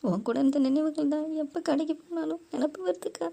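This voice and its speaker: A woman's voice: sits high, fairly quick, creaky, dark tone. A woman voicing a chatty, easily frightened young village woman in a cartoon, exclaiming in comic dread and later speaking tearfully. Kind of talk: cartoon voice acting.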